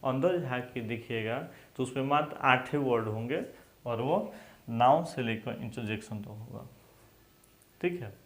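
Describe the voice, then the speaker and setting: Slow indian-guy teaching grammar, makes the class repeat words, roomy echo. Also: medium pitch. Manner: drills pronunciation, asks students to repeat after him. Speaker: English teacher.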